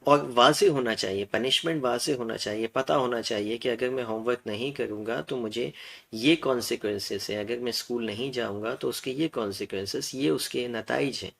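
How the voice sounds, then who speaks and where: A man's voice: mid-range voice, fairly quick, vocal fry, a bit bright. A man with a Pakistani Urdu accent giving a parenting advice lecture, explaining step by step in numbered points and mixing in English words.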